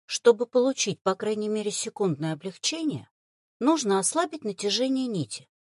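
A woman reading a fantasy novel aloud as an audiobook narrator, expressive storytelling. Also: mid-range voice, moderate pace, no echo, studio quality. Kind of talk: scripted narration.

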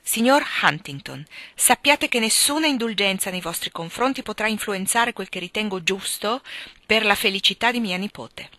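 A woman's voice: mid-range voice, lively intonation, normal speed, pushed and bright, no echo. A woman voicing a stern older aunt who speaks coldly and formally to a suitor. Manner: cold, formal and firm.

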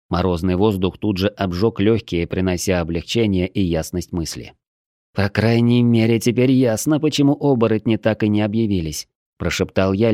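Low-voiced man narrating an audiobook. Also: a little mellow, no echo, studio quality. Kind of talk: first-person audiobook narration.

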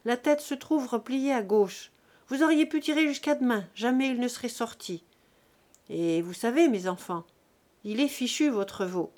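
A hearty, brusque country veterinarian, as a woman reading the novel puts him on, loud and raised in pitch, scolding the family with rough good humour. The storybook voice stays high and carries a lot of force. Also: expressive, moderate pace, natural voice. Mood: jovial scolding. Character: jovial blunt country veterinarian man, middle-aged.

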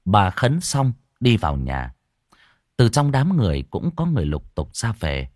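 A man narrating a ghost story in a dramatic, expressive way. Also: fairly low pitch, moderate pace, dry recording, studio quality.

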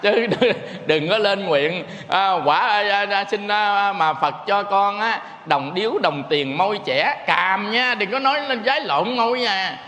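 A Buddhist monk delivers a sermon in a fairly high voice. He talks in a homely, joking way, often turning to address his listeners directly. The sound rings with the long reverb of a large hall. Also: measured pace, hardly any pauses, sharp tone. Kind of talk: dharma talk sermon.

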